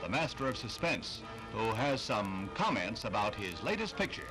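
A man narrating an old newsreel in a brisk, punchy announcer delivery with wry quips. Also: lowish voice, sing-song, rough recording. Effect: old 1960s newsreel recording. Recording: narration over clear newsreel music.

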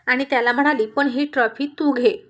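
A woman's voice: high voice, fairly even intonation, a little fast, fairly bright tone. A woman narrating a college love story and reading every character's lines herself. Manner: reads all characters in the same voice. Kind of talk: storybook narration with acted dialogue.

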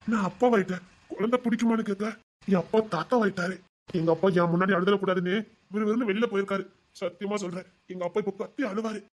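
A man's voice: high voice, fairly even intonation, quick pace. A man playing a young husband who has just learned he will be a father, speaking in an emotional, tender way. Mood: earnest. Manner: emotional, tender, promises not to get angry. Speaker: new father. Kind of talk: family web series acting.

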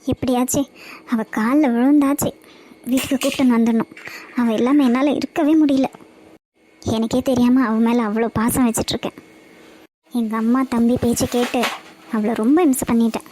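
A woman's voice: fairly high pitch, steady tone, moderate pace, long pauses, mellow, a little hiss or hum, close to an everyday voice. A woman voicing a remorseful middle-aged mother and wife, who pleads and apologizes. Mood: pleading. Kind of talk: cartoon voice acting.

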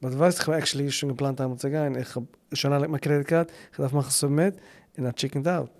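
A man's voice: medium pitch, fairly even intonation, fast talker, a little mellow. A man hosting a casual interview, asking loose questions and mixing English words into his talk. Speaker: host and interviewer.

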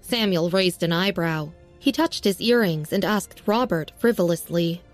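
A woman narrating a serialized audio story in a steady, even reading. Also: fairly low pitch, a little slow, faint music behind.

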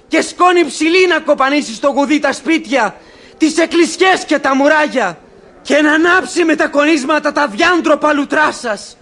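A man's voice: very high voice, bright, forceful tone, exaggerated voice. A man playing a thundering old abbot. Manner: thundering, declamatory. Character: wrathful old abbot prophesying God's curse. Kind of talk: classic radio drama acting. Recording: old archival radio recording.

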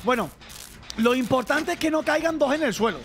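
A young man from streaming a game, chatting to viewers and shouting and swearing at the action. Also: extremely high pitch, expressive, normal speed, creaky, slight background noise. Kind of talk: live gameplay commentary.

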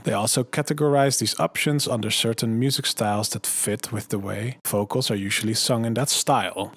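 A man narrating a software tutorial voice-over, calmly walking through each click and setting step by step. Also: mid-range voice, slightly rough, no echo. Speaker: tutorial host.

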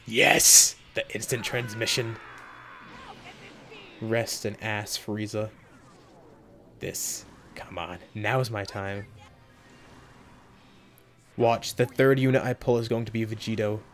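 A young man hosting a mobile game summoning video, talking casually to viewers and yelping with excitement between low muttered comments. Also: takes it slowly, pauses often, soft background music. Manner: excitable, jumps into high yelps when hyped, muttering between pulls. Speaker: gaming video host. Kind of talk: casual gacha summon reaction.

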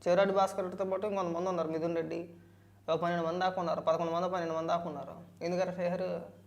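A man's voice: high voice, little pitch movement, racing, gravelly. A man giving political commentary, arguing back with rhetorical questions.

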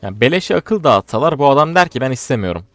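A man's voice: fairly high pitch, animated, fast talker, no echo. Frustrated young man commentating a game. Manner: frustrated, swings from muttering to shouting. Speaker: gaming streamer. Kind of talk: live gameplay commentary.

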